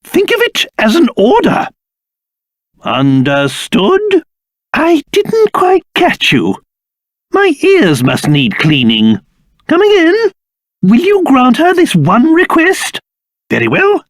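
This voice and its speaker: An actor playing a fussy, pompous old king in a video game, theatrical and quick to bluster or dote. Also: very high-pitched, wildly swooping pitch, dry recording, studio quality, heavily acted. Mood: indignant, bossy.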